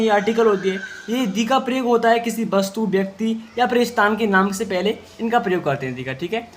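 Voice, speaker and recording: A man teaching an English story in Hindi, reading the English slowly word by word and then explaining each word's meaning, answering his own questions as if he were a student. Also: high-pitched, fairly bright tone, a little hiss or hum.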